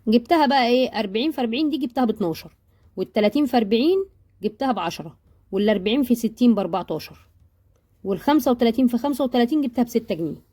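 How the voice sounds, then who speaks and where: A joking Egyptian woman talks her viewers through her baking purchases in a rapid, chatty run. Her voice sits fairly high but has a mellow warmth. She talks casually, like a home-baking vlogger. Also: animated. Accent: Egyptian Arabic.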